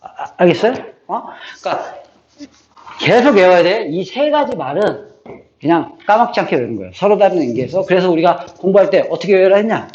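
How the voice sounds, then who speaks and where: A man teaches a combinatorics lecture in a slightly high, sing-song, brisk voice with a darkish tone. He checks in with listeners, often adding a questioning "eo?", and repeats key phrases again and again for memorization. The recording is a bit dull with faint noise.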